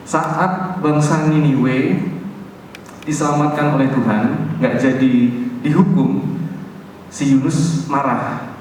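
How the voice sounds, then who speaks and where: A man's voice: mid-range voice, darkish tone, a little hiss or hum. A young man giving a casual youth sermon, chatting with the congregation and reading scripture aloud. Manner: conversational, asks the audience questions, reads scripture aloud. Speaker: youth service preacher. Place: church hall. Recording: echoey hall, mic far off.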